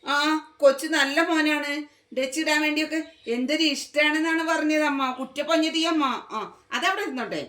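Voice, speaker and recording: A woman's voice: sits high, fairly even intonation, brisk, a bit bright. A woman vlogger talking to her pet in coaxing, doting, sing-song baby talk.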